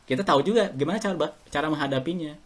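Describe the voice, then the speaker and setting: A man's voice: fairly high pitch, very fast, slightly rough. A middle-aged Indonesian man, a guest in a casual podcast interview, telling anecdotes and chuckling as he talks. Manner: chatty and anecdotal, chuckles while talking. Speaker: guest alumnus.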